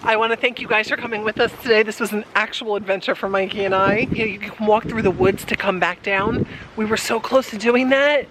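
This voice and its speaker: A woman's voice: medium pitch, fairly even intonation, fairly quick. Woman, vlog host, chatty, giggly, casual, outdoors, windy noisy camera audio. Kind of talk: casual travel vlog chat. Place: outdoors at a wildlife preserve. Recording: outdoor wind and noise.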